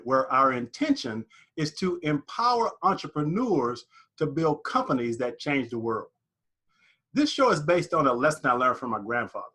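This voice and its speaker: A man hosting a podcast interview, upbeat and animated as he introduces his guest. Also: fairly high pitch, slightly rough. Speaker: podcast host.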